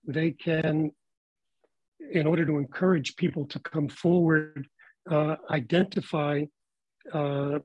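A man speaking as a panelist on a video call, measured and reflective, with frequent fillers and repeated words as he searches for phrasing. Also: fairly high pitch, darkish tone, husky, dry recording, muffled recording. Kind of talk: panel discussion remarks.

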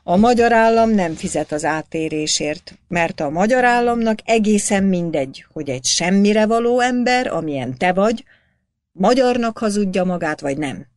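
A woman's voice: on the low side, very animated, dry recording, studio quality. Woman doing a sneering, barking village notary. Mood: scornful. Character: scornful shouting male village notary.

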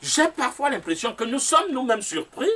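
A man's voice: very high-pitched, big pitch swings, moderate pace, bright, forceful tone, breathy edge. A man from Cameroon with a Cameroonian French accent, an author speaking as a guest on a discussion show, emphatic and repeating his points. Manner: emphatic, with repeated rhetorical phrases. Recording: distant mic with faint room noise.

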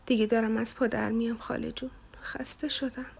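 A woman's voice: on the high side, flat delivery, darkish tone, slight background noise, lightly acted. Woman reading as a grief-stricken young woman. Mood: despairing.

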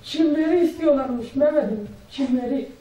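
A woman's voice: high-pitched, moderate pace, mellow, natural voice. A woman playing a kindly old village father, head of the household, in a stage drama. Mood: anxious. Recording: echoey, distant, faint background noise.

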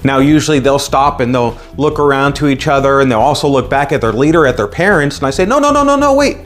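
An American man in his thirties hosts an explainer, talking straight to camera. His voice sits at an ordinary male pitch, and his delivery is emphatic and instructive. Faint music plays underneath. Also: fast. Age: 30s. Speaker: scoutmaster and video host. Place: small room at home, indoors.

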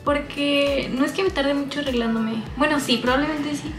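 A woman's voice: high voice, fairly even intonation, moderate pace, reverberant, music in the background. A young woman in her twenties with a Mexican accent, chatting and rambling with self-deprecating asides while doing her makeup in a small bedroom. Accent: Mexican Spanish. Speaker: vlogger. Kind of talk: casual makeup vlog chat.

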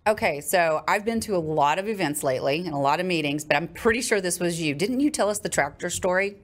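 A woman's voice: lowish voice, expressive, fast. A woman hosting a podcast interview, chatty and laughing along with her guest. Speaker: podcast host. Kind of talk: casual interview chat.

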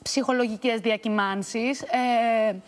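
High-voiced woman giving intense testimony. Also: steady tone. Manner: halting, restarts words, intense. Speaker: interview guest. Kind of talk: emotional personal testimony. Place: TV studio.

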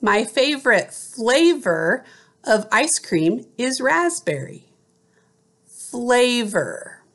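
A middle-aged woman teacher giving a slow school spelling dictation, enunciating deliberately word by word. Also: a little high, very animated, fairly bright tone. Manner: deliberate enunciation, word repeated after an example sentence. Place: small room at home, indoors.

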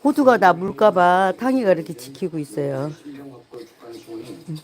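A woman's voice: on the low side, big pitch swings, moderate pace, darkish tone, poor audio. A woman streaming live and coaxing her pet dog to come and get washed. She repeats herself over and over in a sing-song tone and breaks into chuckles. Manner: coaxing, repetitive, laughing often. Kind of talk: casual live stream talk.

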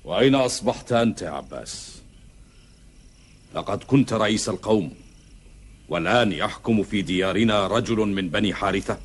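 A proud desert rebel in a historical TV epic. His voice is husky and on the low side. He declaims formally, brooding and defiant, throwing out challenges as questions. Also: fairly quick, pauses often. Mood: resentful, challenging. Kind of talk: historical epic TV drama acting in formal Classical Arabic.

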